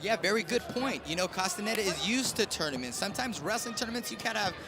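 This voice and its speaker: A man's voice: high voice, animated, quick pace, music in the background. A man giving live play-by-play and analysis as a fight commentator. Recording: noisy live event ambience.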